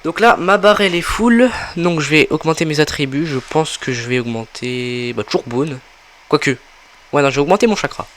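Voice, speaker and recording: A man's voice: a little high, animated, normal speed, fairly bright tone, a little hiss or hum. A young man giving a casual game walkthrough, thinking aloud with lots of fillers as he plays. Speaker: gaming tutorial creator.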